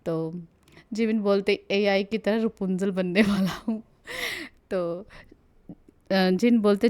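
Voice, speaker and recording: A young woman narrates a live stream for her viewers, relaying each line in an easy, chatty tone. She keeps slipping into laughter and asides as she reads. Her pitch sits in an ordinary middle range. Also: darkish tone, clean tone. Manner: giggly, chatty, breaks into laughter while reading. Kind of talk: casual retelling, reading quotes aloud.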